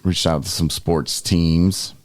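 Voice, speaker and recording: A man's voice: deep voice, fairly even intonation, slow pace, dry recording. A man co-hosting a podcast in casual, rambling conversation. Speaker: podcast host. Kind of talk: casual chat.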